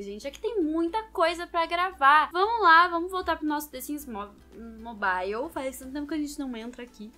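A woman's voice: high-pitched, bright, forceful tone. A young woman hosting her own gaming channel, chatting casually to viewers as she plays a mobile game. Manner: chatty, talks straight to viewers. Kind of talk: casual gameplay commentary.

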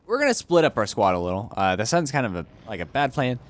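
Very animated and talking fast, this let's play host is a young man with a medium-pitched voice, and there's no room sound. He comments casually on a strategy game, goofing off and bickering with himself in silly voices.

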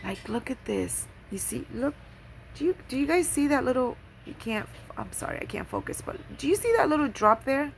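A woman vlogger gushing over handmade craft gifts in a casual show-and-tell, excitable and full of fillers. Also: high voice, normal speed, creaky, a little hiss or hum.

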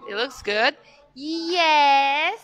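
A woman's voice: sits high, expressive, very slow, a bit bright, lo-fi sound. A young woman from Brazil chatting playfully over lunch in a restaurant. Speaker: pageant contestant. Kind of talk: casual vlog chat. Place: busy restaurant indoors. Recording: crowded restaurant chatter behind.

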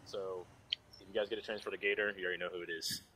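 A man's voice: sits low, little pitch movement, rapid-fire, pushed and bright. A man in an online military game, switching between casual chat and radio-style calls. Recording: noisy gaming voice chat with clicks.

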